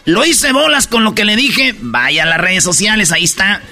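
High, bright-voiced radio host. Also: male voice, lively intonation, soft background music. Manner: rapid slangy storytelling, loud promo delivery. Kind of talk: joking radio banter.

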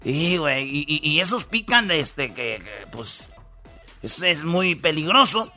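A man's voice: a little high, sing-song, slow pace, bright, forceful tone, faint music behind. A man with a Mexican accent hosting a radio comedy show, telling news stories in casual slangy banter full of fillers. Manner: slangy, storytelling, lots of fillers.

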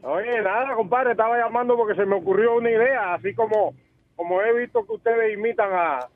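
Male caller, tinny phone line, high voice, friendly, rambling. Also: brisk. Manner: friendly, rambling, restarts often. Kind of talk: casual phone-in chat.

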